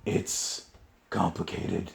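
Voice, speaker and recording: A man voicing a big, boastful, brutish turtle king with a gravelly voice. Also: deep voice, level tone, very slow, exaggerated voice.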